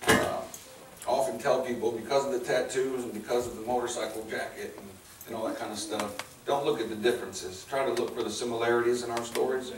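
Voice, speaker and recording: A Chicago man with a medium-pitched, fairly even voice talks fast as a guest speaker giving personal testimony to a church crowd. His manner is casual, plainspoken, earnest and folksy. He's on a handheld or lapel mic in a large indoor hall with a stage, filmed by a far camera, so the sound is roomy, distant and noisy.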